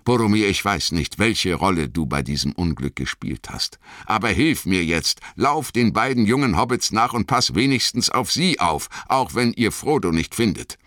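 A man's voice: extremely low pitch, lively intonation, moderate pace, few pauses, fairly bright tone, dry recording, studio quality, pitched above the performer's own voice. A man voicing a stern male leader who questions sharply and gives urgent orders.

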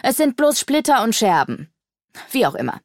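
A woman's voice: a little high, sing-song, moderate pace, dry recording, clean studio sound, pitched above the performer's own voice. A woman doing a portly, easygoing old sage. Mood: smug.

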